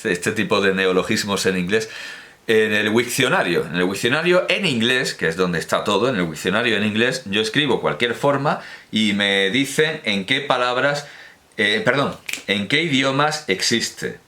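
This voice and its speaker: Guy thinking out loud, bright voice, lots of ums and restarts. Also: on the low side, expressive, moderate pace. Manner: rambling, self-correcting, with many fillers and restarts. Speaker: podcast host. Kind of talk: unscripted spoken analysis.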